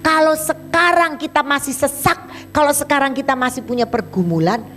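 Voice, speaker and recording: A woman's voice: high voice, moderate pace, faint music behind. A woman evangelist preaching a sermon, telling a story with chatty acted-out dialogue. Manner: animated, acts out both sides of dialogues in a chatty colloquial way.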